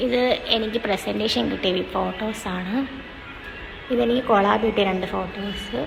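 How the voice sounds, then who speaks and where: A woman's voice: medium pitch, fairly even intonation, normal speed, gravelly, music in the background, low-quality recording. A young woman, chatting casually as she gives a home tour and keeps calling out to her viewers. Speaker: vlogger giving a home tour.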